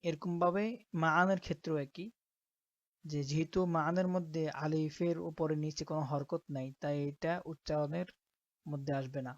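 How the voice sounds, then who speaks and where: A woman teaching Quran reading, who spells out letters slowly and often checks that her listeners are following. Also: low voice, steady tone, no echo, dull audio. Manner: slow, patient, checks in with "ঠিক আছে?".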